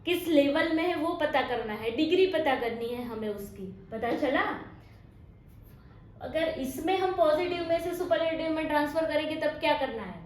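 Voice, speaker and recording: A woman's voice: high-pitched, animated, moderate pace. A woman with a Gujarati accent teaching English grammar, mixing Hindi and English, drawing out her example sentences and often checking "okay?". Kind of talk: classroom-style grammar lesson. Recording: echoey room with faint noise.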